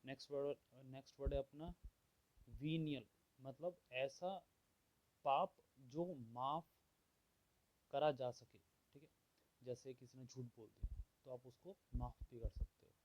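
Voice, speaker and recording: A man teaching vocabulary, explaining words and listing their opposites at a steady pace, often checking in with "theek hai". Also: mid-range voice, no room sound, rough recording. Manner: slow and measured, repeats "theek hai" often. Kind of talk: explaining word meanings.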